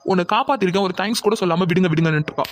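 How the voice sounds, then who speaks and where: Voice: medium pitch, racing, natural voice. A voice actor playing a bossy, protective young man in a cartoon who gives orders. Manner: bossy, commanding.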